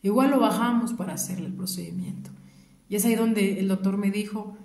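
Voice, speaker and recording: A woman telling a grieving personal story to her listeners, mostly in a hushed whisper. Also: medium pitch, a little fast, vocal fry, reverberant. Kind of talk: personal story told to an audience.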